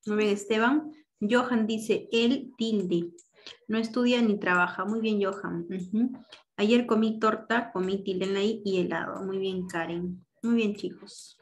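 A woman's voice: mid-range voice, steady tone, unhurried. A woman teacher running an online class, giving directions and patiently explaining grammar with examples.

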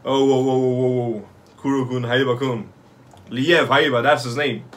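A young man giving excited live reaction commentary in casual street slang, swearing freely and repeating short phrases. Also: medium pitch, moderate pace. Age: young adult. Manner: casual street slang, like "yo", "fam", "bro", "no cap". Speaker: anime reaction host. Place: small bedroom or home room, indoors.

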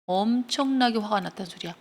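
A woman teacher walks students through English grammar, explaining each point patiently and asking whether they follow. Her pitch sits right in the middle for a woman, and she breaks up the grammar with lively storytelling. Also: brisk. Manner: explains step by step, checks in with students.

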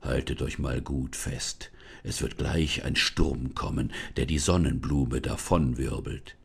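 A man voicing a gentle, unseen male forest spirit, speaking low and hushed in a storybook reading. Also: unhurried, gravelly, husky, heavily acted. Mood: soothing.

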